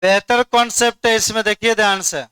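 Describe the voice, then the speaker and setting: A man's voice: high-pitched, steady tone, a little fast, pushed and bright, clean tone, dry recording. A man teaching a chemistry class, coaxing students and quizzing them by name. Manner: coaxing, repeats "dekhiye" to hold attention, quizzes students. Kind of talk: classroom lecture.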